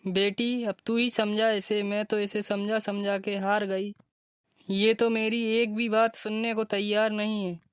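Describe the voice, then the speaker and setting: A woman's voice: medium pitch, a little slow, clear, resonant tone, no echo, clean studio sound, close to an everyday voice. A woman voicing an anxious, pleading older mother-in-law in a cartoon. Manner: pleading, flat even delivery. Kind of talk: cartoon voice acting.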